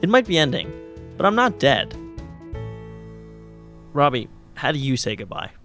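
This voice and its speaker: A man's voice: a little high, sing-song, unhurried, fairly bright tone, faint music behind. A man hosting a podcast, speaking in a dry, wry scripted way. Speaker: podcast host.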